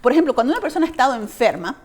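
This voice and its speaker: Woman teaching, fairly high voice. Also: big pitch swings, very fast, darkish tone. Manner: conversational, asks rhetorical "¿no?" checks. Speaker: Bible study co-teacher. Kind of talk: Bible study discussion.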